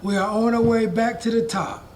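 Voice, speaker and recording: A man in his fifties hosting a podcast, telling stories in a relaxed way and acting out the dialogue. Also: extremely high pitch, normal speed, slight background noise. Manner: storytelling, acts out quoted dialogue, relaxed. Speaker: podcast host. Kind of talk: conversational podcast interview.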